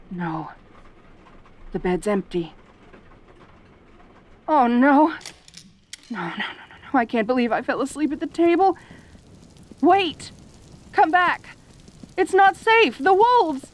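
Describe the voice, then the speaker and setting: In an intimate ASMR roleplay, a woman voices a lonely, possessive centaur girl, tender and anxious, sounding hesitant and pleading. Her voice sits high and the mood is panicked.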